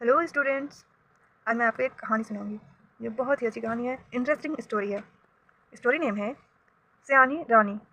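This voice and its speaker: A woman teacher with a bright, clear voice and a slightly high pitch. She reads a storybook aloud to children and explains its words in an instructive tone, addressing her students directly. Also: a little fast, long pauses, slight background noise, poor audio.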